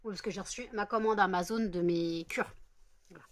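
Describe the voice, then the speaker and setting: A woman's voice: mid-range voice, brisk, a little hiss or hum. A woman chatting casually in a home vlog, rambling with many fillers and self-corrections. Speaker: vlogger. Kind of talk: casual daily vlog chat.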